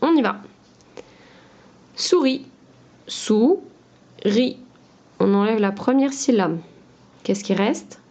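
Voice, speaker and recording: Woman teacher, unhurried, breaks words into syllables for kids; slightly muffled recording. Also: medium pitch, lively intonation, a little mellow. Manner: patient, drawn-out syllables, repeats each word. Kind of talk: slow, clear teaching to young children.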